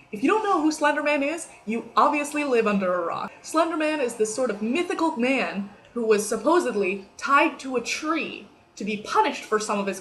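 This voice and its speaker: A young woman chats to her camera in a casual vlog, animated and storytelling, now and then dropping to a hushed whisper. Her voice is a little hoarse from a recent cough. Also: medium pitch, poor audio. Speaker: vlogger.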